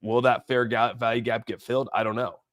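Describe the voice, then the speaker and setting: Commenting on crypto markets during a laid-back livestream, this male host rambles, thinks aloud, and responds to viewers. His mid-range voice is flat and fairly bright, moving fairly quickly, in a dry, studio-quality recording.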